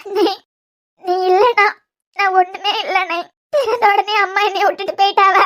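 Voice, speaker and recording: A woman's voice: very high-pitched, steady tone, normal speed, fairly bright tone. A woman voicing a tearful young bride, the younger sister, in a cartoon series, pleading emotionally with a Kanyakumari Tamil accent.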